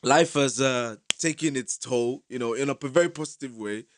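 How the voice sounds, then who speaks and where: A man's voice: mid-range voice, moderate pace, a little hiss or hum. A man, co-hosting a casual podcast, teasing and playful with a mock-preachy streak. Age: 30s. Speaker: podcast co-host. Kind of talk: casual banter.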